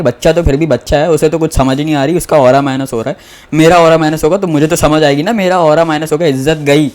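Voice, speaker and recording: A man's voice: a little high, darkish tone. A young man telling a comic story about himself in a rambling, self-mocking way with many restarts. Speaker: comedian.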